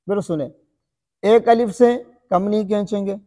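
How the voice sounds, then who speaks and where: A man's voice: high voice, warm tone, big-room sound. A man teaching the correct pronunciation of letters in a Quran recitation lesson, asking his listeners questions and drilling each sound aloud.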